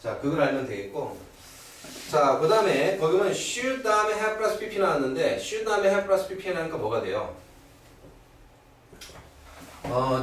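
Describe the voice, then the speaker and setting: A middle-aged man teaching English grammar in a live classroom lecture. He keeps asking his students quick rhetorical questions to check that they follow. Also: on the high side, fairly bright tone, distant mic, slight background noise. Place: classroom at a cram school. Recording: echoey room, voice from afar, old video.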